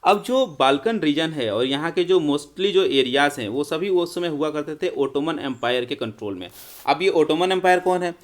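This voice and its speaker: A man's voice: a little high, animated, moderate pace. A male teacher, giving an explanatory history lecture and often calling his students friends. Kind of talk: classroom lecture.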